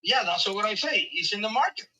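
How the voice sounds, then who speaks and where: An older man from the Dominican Republic talks on a phone call in broken English, turning offers down with short, firm answers. His voice is high and very bright. He sounds far from the mic. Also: animated, a little fast. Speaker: property seller on a phone call. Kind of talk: casual phone negotiation.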